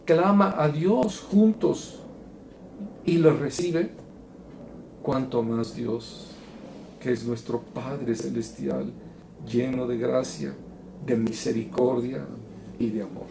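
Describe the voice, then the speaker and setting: A man teaching a Bible study in an earnest, preacherly way, going from soft to emphatic. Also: mid-range voice, slow pace, vocal fry, pauses often, background noise. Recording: echoey room.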